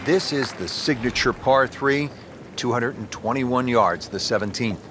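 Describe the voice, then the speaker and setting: A man doing play-by-play golf commentary as a broadcast announcer, with a polished, measured delivery. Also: medium pitch, background noise, close to an everyday voice. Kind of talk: scripted sports commentary. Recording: loud music and crowd behind. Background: music and golf crowd.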